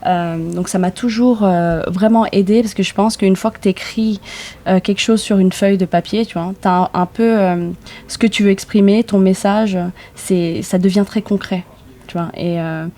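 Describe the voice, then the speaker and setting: Hesitant young woman, soft and mellow. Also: mid-range voice, fairly even intonation, normal speed. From Vietnam. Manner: hesitant, many fillers, thinks aloud. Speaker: guest, author. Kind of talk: casual interview conversation.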